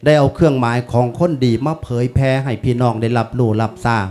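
Isan monk in his fifties, folksy and chatty at a funeral sermon, mid-pitched voice. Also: fast, a little mellow. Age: 50s. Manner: folksy, chatty teaching with Pali chanting.

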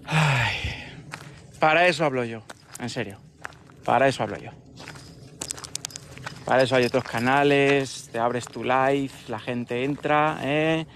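A man hosting a casual livestream chat, talking in an animated way with rhetorical questions and mocking imitations. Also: mid-range voice, a little slow, pauses often, slight background noise. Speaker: livestream host.

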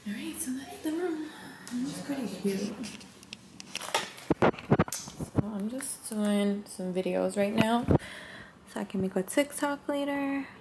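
A woman's voice: a little high, animated, takes it slowly, long pauses. A young woman filming a casual hotel room tour on a handheld camera, chatty and gushing, often slipping into a near whisper. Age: young adult. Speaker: vlogger. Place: small tiled hotel bathroom and room. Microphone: handheld camera at arm's length. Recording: echoey tiled room, faint hiss.

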